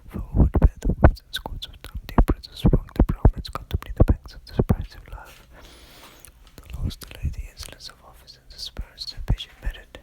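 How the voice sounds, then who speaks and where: Fast aggressive ASMR whisper, non-stop. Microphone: close lo-fi microphone. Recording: lo-fi close ASMR mic.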